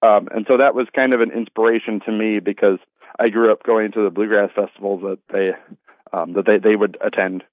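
Calling in as an interview guest, this festival organiser talks a little quickly in a steady, low-leaning voice. He's polite, earnest, and conversational. There is no room sound, though the narrow phone line makes the audio thin.

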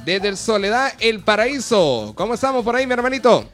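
A man's voice: high-pitched, big pitch swings, fairly quick, fairly bright tone, faint music behind. A Honduran man hosting a live radio call-in show, greeting callers in a friendly, chatty way. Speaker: radio host.

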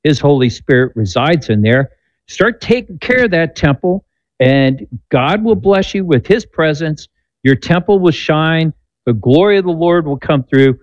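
A man's voice: fairly high pitch, lively intonation, a little slow, no room sound. A man in his sixties, a doctor on a call-in show, giving upbeat coaching advice that turns preachy at times. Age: 60s. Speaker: doctor guest answering callers. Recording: dull slightly lo-fi sound.

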